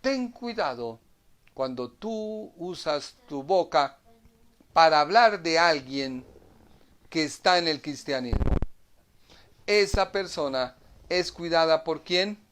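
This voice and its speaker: A man's voice: fairly high pitch, lively intonation, slow pace, pauses often, fairly bright tone. A man teaching a Bible study in a preaching style. He speaks emphatically, repeats phrases and asks rhetorical questions.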